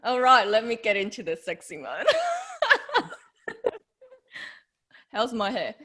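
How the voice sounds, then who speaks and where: A woman's voice: mid-range voice, animated, slow pace, pushed and bright. A woman hosting a podcast in casual chat, bubbly and giggly as she welcomes her guest. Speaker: podcast host.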